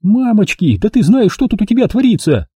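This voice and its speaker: A sharp-tongued woman snaps and scolds in a high, lively voice, as a male audiobook reader puts her on. The tone stays dark and a little husky. The recording is close and dry. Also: a little fast, no echo, exaggerated voice. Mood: exasperated. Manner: shrill, mocking, bossy. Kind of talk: audiobook character voice.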